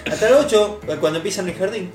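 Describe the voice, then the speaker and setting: A man with a Rioplatense accent co-hosting a casual comedic chat, full of swearing and mock-outraged banter. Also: high-pitched. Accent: Rioplatense Spanish. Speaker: co-host. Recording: roomy, faint music behind.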